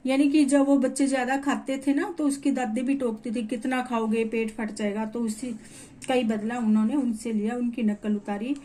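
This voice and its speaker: A woman's voice: on the high side, steady tone, moderate pace, warm tone. Woman teacher explaining a story. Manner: reads a line, then explains hard words in simple terms. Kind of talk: reading a textbook story aloud and explaining it to young pupils.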